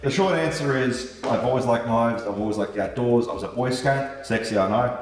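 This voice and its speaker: In a casual vlog, a man whose first language was German, a knife maker, talks to his audience in an easygoing way with an occasional swear. His mid-range voice moves briskly, and the recording, made in a lit-up room with a far-off mic, is echoey with slight background noise.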